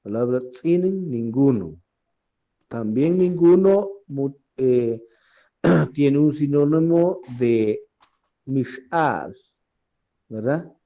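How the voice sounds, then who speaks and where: Slow, dark-voiced man teaching a class. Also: medium pitch, animated. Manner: slow, repeats words and asks "¿verdad?" often; clears his throat often. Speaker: language teacher. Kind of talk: recorded language class.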